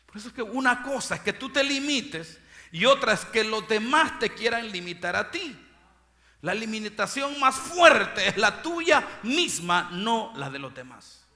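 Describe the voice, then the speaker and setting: A male pastor preaching a sermon, swinging from shouted peaks to low murmurs. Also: big pitch swings, measured pace, in a large hall.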